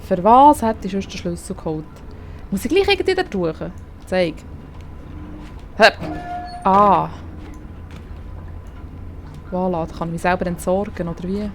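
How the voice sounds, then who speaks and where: A woman's voice: mid-range voice, lively intonation, a little slow, long pauses, slight background noise. A woman with a Swiss German accent commentating a video game, chatty and swearing at the character on screen. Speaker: gaming streamer. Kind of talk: let's play commentary.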